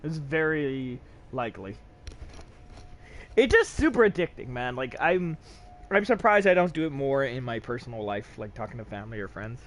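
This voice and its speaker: A man's voice: medium pitch, normal speed. A man casually commenting on his gameplay, joking and mocking himself as he plays. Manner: joking, animated, self-mocking. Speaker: gameplay streamer.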